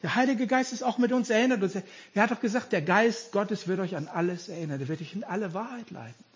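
A man preaching an animated, emphatic sermon as pastor, speaking directly to his congregation. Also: high voice, fast, slightly rough, muffled recording.

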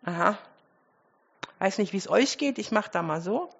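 A woman preaching a sermon, speaking straight to her congregation with rhetorical questions and moving between loud emphasis and quiet asides. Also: mid-range voice, expressive, a little slow, vocal fry, husky, dull audio.

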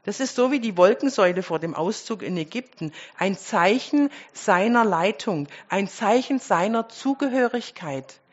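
This preacher is a woman with a medium-pitched, animated voice who talks at normal speed with barely any pauses. She questions her congregation rhetorically and shifts from loud stresses to soft asides, and the high frequencies are cut off.

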